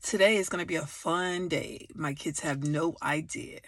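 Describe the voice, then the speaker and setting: A middle-aged woman hosting a family vlog, chatting casually and excitably. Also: low-pitched, moderate pace. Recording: loud music behind the voice. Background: music.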